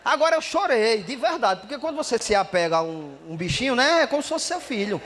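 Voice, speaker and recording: A man telling a story in stand-up comedy, lively and acting out the dialogue. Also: extremely high pitch, fast talker.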